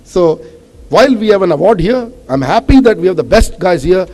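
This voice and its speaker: A man with an Indian English accent giving an impassioned stage speech as awards host, warning forcefully and often adding "you know". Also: high-pitched, expressive, fairly quick. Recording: long hall reverb.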